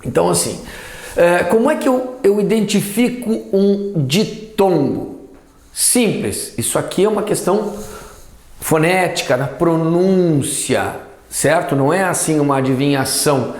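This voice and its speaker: A man teaching a Portuguese grammar lesson, lively, asking and answering his own questions as he explains. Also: fairly high pitch, unhurried, gravelly, reverberant. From southern Brazil. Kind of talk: classroom lesson.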